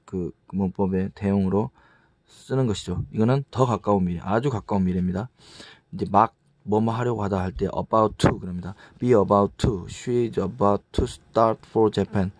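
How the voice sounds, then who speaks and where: Halting low-voiced man tutoring English. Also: a little mellow, no echo. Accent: Korean. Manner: repetitive, halting, often restarts words, reads English example sentences slowly. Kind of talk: casual explanatory lecture.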